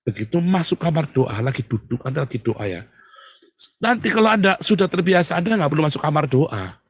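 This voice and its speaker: A man preaching a casual sermon, chatty and joking, swinging between loud emphasis and hushed, calm words. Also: a little high, fairly quick, husky, no room sound.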